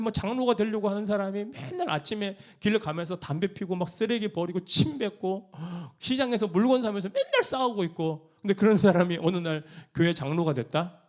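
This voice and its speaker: A male pastor preaches with an animated, swooping delivery. His voice sits a little high for a man and moves through a wide range as he teaches. Now and then he puts on the voices of quoted church members. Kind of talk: sermon.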